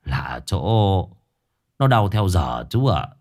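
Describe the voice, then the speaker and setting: A man's voice: deep voice, very animated, slow pace, darkish tone, heavily acted. A man doing a grumbling middle-aged patient. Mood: plaintive. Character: middle-aged male hospital patient, complaining.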